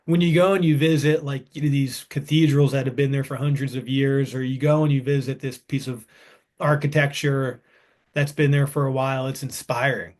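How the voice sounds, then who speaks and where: A man in his thirties, co-hosting a podcast in casual chat, rambling and enthusiastic with frequent restarts. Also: mid-range voice. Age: 30s. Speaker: podcast co-host.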